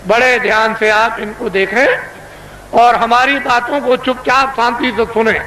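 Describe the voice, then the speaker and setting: An older man giving a booming, political rally-like sermon, declaiming in rhetorical questions and repeated phrases and demanding answers from his listeners. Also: steady tone, a little slow, sharp tone. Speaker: religious leader addressing a mass gathering. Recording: echoing, noisy public-address recording from 1980s.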